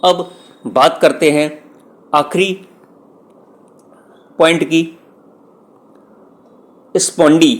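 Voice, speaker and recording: A man teaching poetry, reading each English phrase slowly and then explaining it in Hindi, with an Indian English accent. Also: on the high side, fairly even intonation. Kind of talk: slow bilingual lecture.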